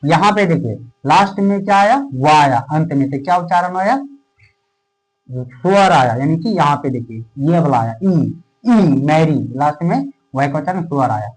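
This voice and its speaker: A man teaching a classroom lesson in speech who asks questions and answers them himself, repeating key terms and drawing words out slowly as he writes. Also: fairly high pitch, lively intonation, rough recording. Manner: stretches words out slowly while writing.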